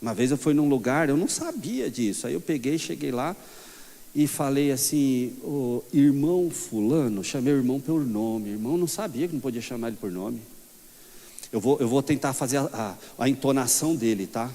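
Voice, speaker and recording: A man teaching a church Bible class, mixing lecture points with lively, humorous stories. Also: medium pitch, fairly quick. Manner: lively, storytelling, humorous asides. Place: church hall. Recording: long reverb of a church hall.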